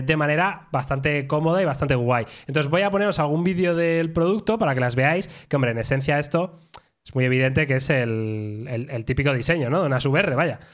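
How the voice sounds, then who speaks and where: A man with an accent from Spain hosting a casual tech podcast, colloquial and playful, talking straight to listeners. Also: on the high side. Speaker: podcast host.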